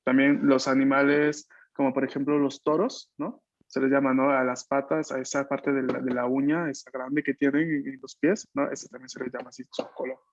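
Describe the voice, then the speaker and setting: The recording is dry and lo-fi, captured on a video call microphone: a man with a medium-pitched voice and little pitch movement is teaching an online Italian lesson in Spanish. Slow explanations, patient repetition of students' answers, and constant short tag questions mark his teaching.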